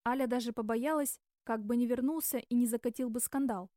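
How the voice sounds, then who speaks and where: Female audiobook narrator, slightly high voice, dry close sound. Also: steady tone, fairly quick, dark tone, no echo. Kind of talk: scripted narration.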